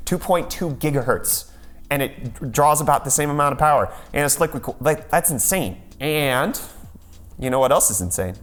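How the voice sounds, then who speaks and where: A man's voice: on the high side, animated, moderate pace, fairly bright tone. Sarcastic man hosting tech news. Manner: sarcastic, jokey segues. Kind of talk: casual tech news rundown.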